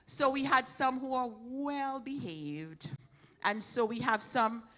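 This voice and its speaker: In a church hall, a woman serving as church program leader runs the announcements, thanking helpers chattily and restarting herself often. Her high-pitched voice is steady and fairly bright, with a slow pace.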